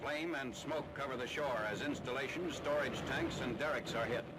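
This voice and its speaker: A man narrating a wartime newsreel in a crisp, formal announcing manner. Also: mid-range voice, normal speed, heavy background noise. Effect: old newsreel soundtrack.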